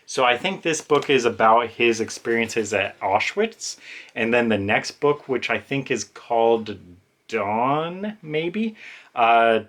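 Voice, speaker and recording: A man's voice: mid-range voice, lively intonation, slow pace, a bit bright. A young man in a casual, rambling book haul vlog, hesitant and full of fillers. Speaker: book vlogger.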